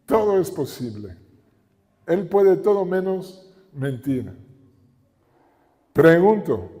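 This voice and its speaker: A man's voice: high voice, warm tone. A middle-aged man with a Mexican Spanish accent, preaching a sermon with emphatic repetition and rhetorical questions. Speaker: pastor. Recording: reverberant hall.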